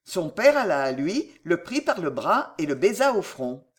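Brief: male audiobook narrator, dramatic and lively in pitch. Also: moderate pace. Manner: dramatic, expressive. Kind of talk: scripted narration.

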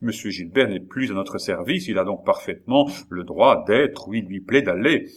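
A man's voice: lowish voice, normal speed, husky. A man reading a cool, haughty young noblewoman. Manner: cool, composed. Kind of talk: audiobook character voice.

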